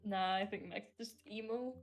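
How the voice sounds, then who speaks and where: A woman playing her character in a game roleplay chat, teasing and giggly, often trailing off mid-sentence. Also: mid-range voice. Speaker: roleplay player.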